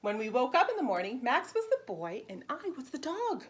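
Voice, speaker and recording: Reading briskly to young children, a woman with a fairly high, very lively voice stresses words expressively, much like a preschool teacher. She speaks simply and explains along the way, with a little hiss or hum in the recording.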